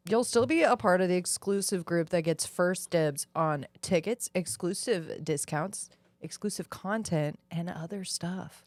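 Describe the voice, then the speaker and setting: A woman's voice: on the low side, measured pace, hardly any pauses, a little mellow, no echo. A woman co-hosting a comedy podcast, trading playful banter and plugging shows. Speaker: podcast co-host. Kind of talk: casual comedy chat.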